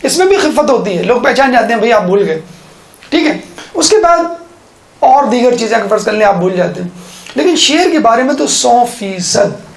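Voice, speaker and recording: A woman's voice: on the high side, lively intonation, gravelly, echoey room. A woman giving an instructional lecture on how to give sermons, explaining step by step and often checking in with her listeners. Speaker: religious teacher.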